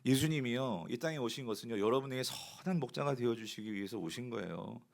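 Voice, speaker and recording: A man's voice: mid-range voice, quick pace, gravelly. A male pastor giving a conversational sermon, telling a story and often asking the congregation questions.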